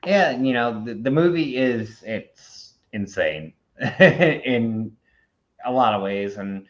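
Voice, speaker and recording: A man giving his take in a casual film review chat, halting and repeating himself. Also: medium pitch, expressive. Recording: dull lo-fi recording.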